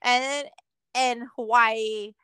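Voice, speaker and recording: A woman co-hosting a podcast, telling stories in casual chat with heavy swearing and animated delivery. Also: on the high side, slow, smooth, dry recording, low-quality recording. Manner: profane, animated storytelling. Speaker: podcast co-host.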